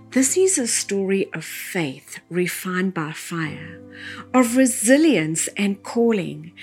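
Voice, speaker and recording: A woman narrating a documentary segment from a script in a measured, expressive delivery. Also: mid-range voice, husky. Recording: faint music underneath.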